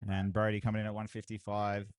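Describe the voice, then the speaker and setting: A man doing live, excitable commentary on a strongman deadlift event, hyping lifts and chatting with viewers. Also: on the low side, fast, clean tone, no echo. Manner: excitable hype, repeated cheers and laughs. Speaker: livestream commentator.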